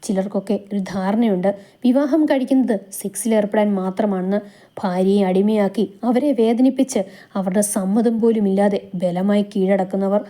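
A woman reading a romance story aloud as a storyteller, in a steady, emotive manner. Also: mid-range voice, normal speed. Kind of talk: scripted narration of a romance story.

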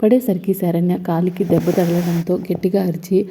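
A woman's voice: lowish voice, moderate pace, slight background noise. A woman casually retelling a TV serial episode, running through the plot and reading out what the characters say. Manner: retells the plot in a steady flow and reads the characters' lines aloud. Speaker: serial recap narrator.

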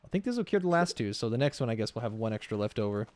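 A man's voice: on the low side, big pitch swings, very fast, a little mellow, no echo. A man hosting a gaming video, giving casual, off-the-cuff commentary as he plays. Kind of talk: casual let's-play commentary.

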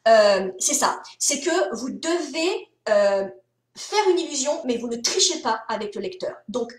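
A somewhat high-pitched woman talks casually on a live stream, answering questions as an author. She is animated and chatty, full of hesitations and the odd curse word. Her voice carries a roomy echo, picked up by a webcam or phone mic. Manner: animated, talkative, peppered with hesitations and casual swearing.

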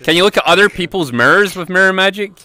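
A man's voice: sits high, fast talker, sharp tone. A man chatting casually and playfully on a role-play livestream, often exclaiming. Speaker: streamer playing along in a virtual school.

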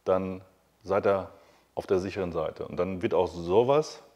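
A man's voice: deep voice, measured pace, warm tone, dull audio. A man hosting a casual interview in a large workshop hall, talking in a chatty, enthusiastic way with many fillers and restarts. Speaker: host.

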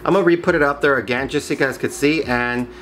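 A man's voice: mid-range voice, fast, a bit bright. A man in his thirties or forties talking casually and enthusiastically to viewers as he presents animals, with slangy superlatives. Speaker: snake breeder presenting his collection. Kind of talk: casual video showcase to viewers. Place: small indoor reptile rack room. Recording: noisy room ambience.

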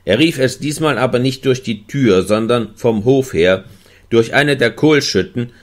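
A man narrating a literary novel in the first person for an audiobook. His delivery is measured and expressive, in a mid-pitched voice. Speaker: audiobook reader.

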